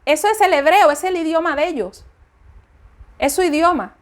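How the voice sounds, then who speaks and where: A woman with a strikingly high voice gives an informal spoken sermon in her native Spanish. She is emphatic and circles back to say each point several times. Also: moderate pace.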